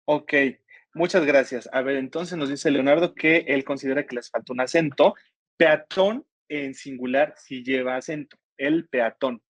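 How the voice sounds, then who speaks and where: A workshop instructor with a mid-range voice leads an online writing workshop, patiently walking through grammar step by step and posing questions to his students. The recording is dry.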